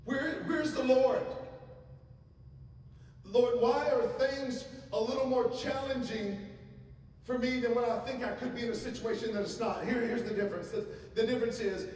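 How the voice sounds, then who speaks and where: Speaking at normal speed in a very high, slightly mellow voice, this middle-aged preacher addresses his congregation conversationally from the pulpit and asks them questions. Captured from afar in a reverberant church hall, he holds a handheld mic.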